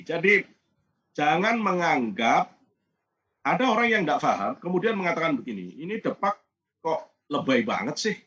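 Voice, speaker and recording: A man's voice: a little high, pushed and bright. Man lecturing on a dull lo-fi recording. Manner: conversational, anecdotal, frequent fillers. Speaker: university lecturer. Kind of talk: lecture for teachers.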